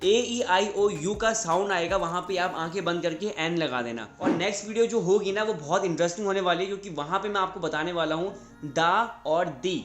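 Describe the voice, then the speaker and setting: A man's voice: high voice, brisk, roomy sound, music in the background. A man teaching English grammar in Hindi, explaining step by step and answering his own questions.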